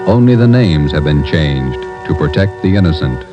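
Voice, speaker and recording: A male announcer delivering a grave, deliberate dramatic introduction for an old radio show. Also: very deep voice, animated, highs cut off. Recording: old radio broadcast with loud music behind.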